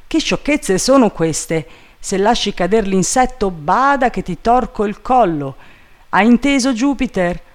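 Man doing an agitated, excitable gentleman. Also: high voice, unhurried, voice pushed up. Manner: urgent, agitated calling out. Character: excitable, anxious male gentleman giving orders.

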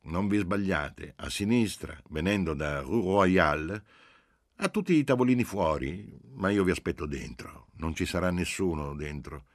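A man voicing a hearty, overly familiar police agent who talks loudly on the phone in an audiobook. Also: low voice, expressive, a little slow, dry recording, clean studio sound, heavily acted. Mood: jovial.

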